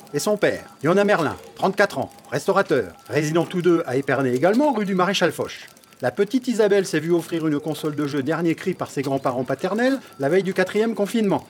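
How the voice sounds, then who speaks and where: An actor playing an officious police brigadier in a radio drama, formally reading out surveillance reports in a matter-of-fact way. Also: male voice, sits high, slight background noise.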